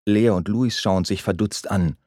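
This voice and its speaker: A man reading a children's story aloud, gentle and expressive. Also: fairly low pitch, measured pace, no echo, clean studio sound. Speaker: narrator.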